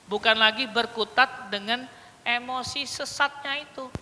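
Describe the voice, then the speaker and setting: Bright-voiced trainer lecturing teachers in hall. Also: mid-range voice, a little slow, a little hiss or hum. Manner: lively, acts out short child and teacher dialogues, often checks understanding. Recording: long hall reverb.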